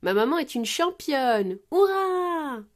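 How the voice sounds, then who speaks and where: A woman voicing an excitable little girl piglet in a storybook reading, bubbly and squealing. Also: fairly high pitch, brisk. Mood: proud.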